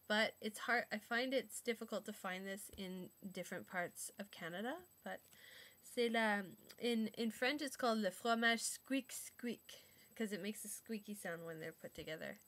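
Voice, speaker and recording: A young woman from Montreal talks to the camera in a loose, chatty vlog style. She fills her sentences with "um" and "like" and slips in dry, sarcastic asides. Her voice sits at a middling pitch. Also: moderate pace, a bit bright. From Montreal, Quebec. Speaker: vlogger. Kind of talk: casual chat to camera.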